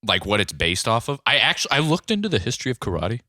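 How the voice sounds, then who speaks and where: Lively rambling man on a podcast. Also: medium pitch, fast, no echo, studio quality. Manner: rambling, trails off into laughter. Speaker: podcast co-host. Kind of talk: casual podcast chat.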